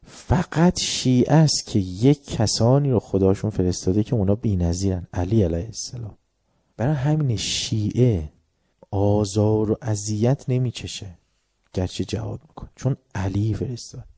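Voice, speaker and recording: A man preaching a religious sermon with passion, often swelling loud and then dropping low. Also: husky, dry recording, clean studio sound.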